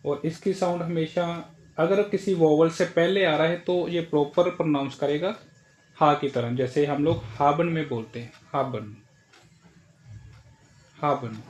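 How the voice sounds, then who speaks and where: A man's voice: a little high, fairly even intonation, moderate pace, a little mellow. A man teaching German pronunciation in Hindi, explaining letter by letter and repeating each example word several times. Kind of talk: language lesson explaining pronunciation.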